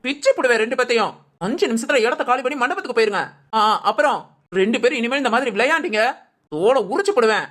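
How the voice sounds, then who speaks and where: A woman's voice: a little high, expressive, fast, a bit bright. A woman voicing a bossy middle-aged village mother-in-law who scolds and threatens the young couple in a cartoon. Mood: exasperated. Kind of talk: cartoon voice acting.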